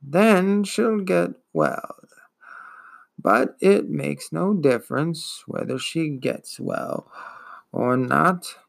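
A man voicing an ancient, weary female giant turtle who speaks in a slow, gloomy, wheezing drawl. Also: on the high side, sing-song, creaky, heavily acted.

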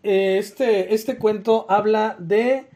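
A man's voice: sits high, steady tone, slow pace, warm tone, slight background noise. A man with a Mexican accent telling a story on a casual podcast, rambling and slangy, with lots of swearing. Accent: Mexican Spanish.

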